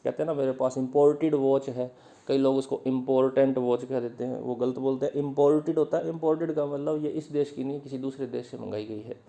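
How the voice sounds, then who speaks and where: Male teacher with a warm, mellow tone, patiently going through vocabulary. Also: medium pitch, fairly even intonation, fairly quick, creaky. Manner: explains each word with Hindi meanings and everyday examples. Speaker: English teacher. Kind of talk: vocabulary lesson explaining words.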